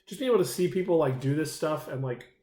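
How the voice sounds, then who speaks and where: A man films a casual solo food-challenge vlog, rambling enthusiastically with plenty of fillers and sometimes talking with his mouth full as he eats. His fairly high voice is expressive, fast and a little mellow, in a reverberant space.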